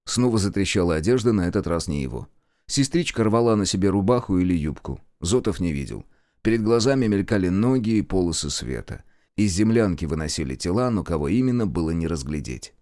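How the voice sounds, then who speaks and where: A man narrating a war audiobook in expressive scripted storytelling. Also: deep voice, fairly quick, dry recording, studio quality.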